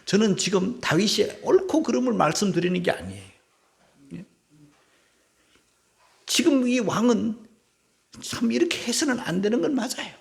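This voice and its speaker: A male pastor delivers an emotional sermon in a high, gravelly voice. His pitch leaps and falls dramatically, swinging from cries to hushed whispers as he seeks the congregation's assent. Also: big pitch swings, normal speed, pauses often.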